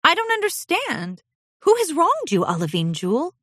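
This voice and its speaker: Princess Cadance, voiced by a woman as a gentle pony princess. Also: extremely high pitch, wildly swooping pitch, moderate pace, no room sound, clean studio sound, voice pushed up, full character voice. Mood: surprised. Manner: warm, soothing, apologetic. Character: gentle princess mare pony, kind and caring.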